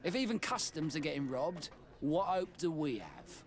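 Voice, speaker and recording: A man's voice: fairly high pitch, expressive, moderate pace, close to an everyday voice. A man playing an aggrieved tavern keeper in a video game, formal and complaining. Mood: exasperated. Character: aggrieved male tavern keeper, exasperated merchant. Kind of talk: video game character acting.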